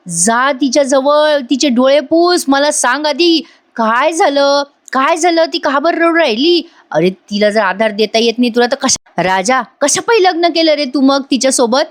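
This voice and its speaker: A woman's voice: a little high, lightly acted. Woman voicing a fussy, doting old father-in-law. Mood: scolding. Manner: fussy, scolding then coaxing.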